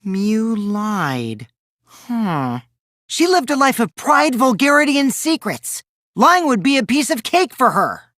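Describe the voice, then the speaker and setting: Coy and mocking, the actor pushes a bright, very high voice through big pitch swings at a slow pace, exaggerating every line. He plays a gleeful, lying teenage boy in an anime game dub, theatrically teasing and taunting with shifts between singsong mockery and sly menace. It's recorded at studio quality with no echo.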